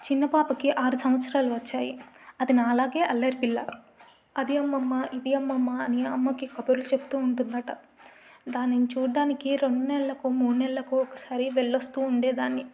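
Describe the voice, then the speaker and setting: A woman reads a first-person story aloud in a soft, steady, plaintive way. Her voice sits high but stays level, with little rise and fall. The tone is mellow rather than bright. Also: slight background noise. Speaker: audio story narrator.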